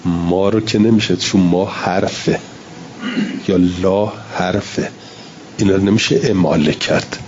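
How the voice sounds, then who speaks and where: A man's voice: low voice, lo-fi sound, background noise. A man lecturing a class on Quran recitation, reading Arabic lines and explaining them in casual Persian, sounding out examples and repeating himself.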